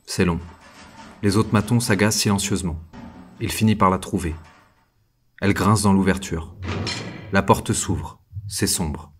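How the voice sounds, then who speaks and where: A man giving a scripted first-person audio drama narration, hushed and tense, in short clipped sentences. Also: low-pitched, steady tone, normal speed, pauses often, soft background music.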